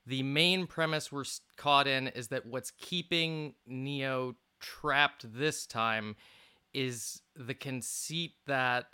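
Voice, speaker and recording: A man hosting a movie podcast, talking fast and excitedly, laughing often in casual chat. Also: mid-range voice, clear, resonant tone. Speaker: podcast host.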